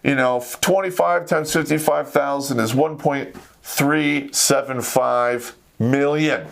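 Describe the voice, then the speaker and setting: With a gravelly, medium-pitched voice and a slow delivery, this U.S. talk show host sounds off live to the camera. His rant is opinionated, crude and plainspoken, like he's just talking to you.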